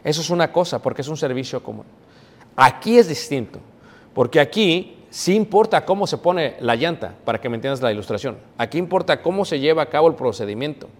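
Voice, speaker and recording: A man's voice: fairly high pitch, expressive, a little fast. A man preaching a teaching sermon, explaining step by step with frequent fillers. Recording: echoey hall with long reverb.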